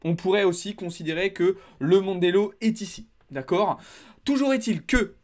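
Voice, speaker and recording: A man's voice: high-pitched, moderate pace, a little mellow. A man with a slight lisp on his s sounds, presenting market commentary to viewers. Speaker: crypto trading video host.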